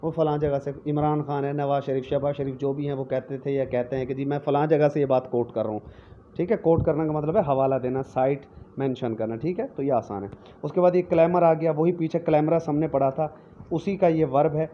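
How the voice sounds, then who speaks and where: A man teaching English vocabulary in a recorded lecture, explaining each word slowly with many repetitions and frequent check-ins. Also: fairly high pitch, steady tone. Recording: dull lo-fi lecture recording with faint noise.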